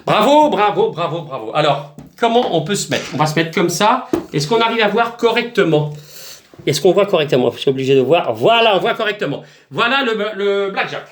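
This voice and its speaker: A man's voice: high voice, very animated, a little fast, echoey room, distant mic, a little hiss or hum. A man chatting in a rambling, joking home video, with crude asides and chanted nonsense magic words. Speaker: video host.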